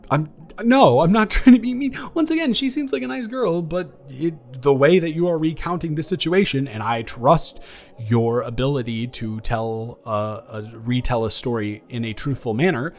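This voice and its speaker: Over background music, a young man with a natural, medium-pitched voice improvises a romantic audio roleplay as a caring, awkward ex-boyfriend in an intimate one-sided conversation. He speaks haltingly and earnestly, sounding amused and gently reassuring.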